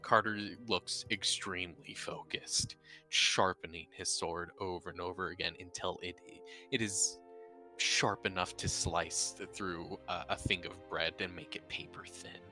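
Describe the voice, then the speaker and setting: A man improvising third-person narration as a tabletop role-play player, halting as he searches for words. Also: sits low, steady tone, pushed and bright, soft background music.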